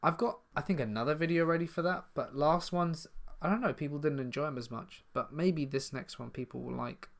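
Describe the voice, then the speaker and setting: Brisk and gravelly, his voice sits a little high, carrying a southern English accent. He's the host of a horror story channel, doing a live stream Q&A where he reads viewer comments out loud in a relaxed, chatty manner before giving his answers.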